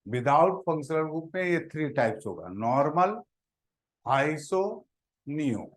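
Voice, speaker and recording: Slow-speaking male chemistry teacher in class. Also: on the high side, very animated. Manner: slow, scolds and prods students to answer. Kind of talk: classroom lecture.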